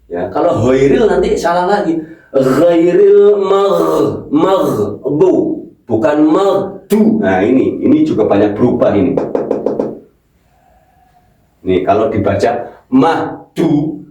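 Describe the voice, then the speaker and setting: Slow man teaching recitation, echoey. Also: a little high, sing-song, warm tone, distant mic. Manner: slow, repeats syllables and corrects pronunciation. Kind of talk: recitation lesson.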